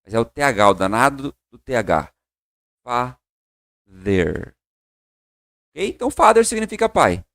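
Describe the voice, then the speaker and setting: A Brazilian man teaching English online, upbeat and encouraging, drilling slow repetitions of words. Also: medium pitch, huge pitch swings, a bit bright, dry recording, studio quality. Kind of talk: online English lesson for Portuguese speakers.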